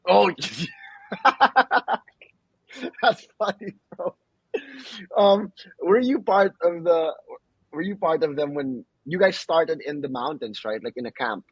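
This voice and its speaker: Husky laid-back podcast host. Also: male voice, a little high, slow pace, pauses often, no room sound. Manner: laid-back, peppers speech with bro and man. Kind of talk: casual interview chat. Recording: dull lo-fi, dry sound.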